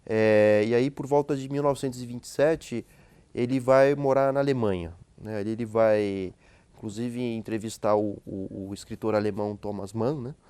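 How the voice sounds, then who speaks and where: A man speaking as a guest sociologist and professor, explaining in a relaxed conversational way, tagging his sentences with questions and often restarting them. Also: on the low side, normal speed, clear, resonant tone, no echo. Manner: frequent tag questions and hesitant restarts.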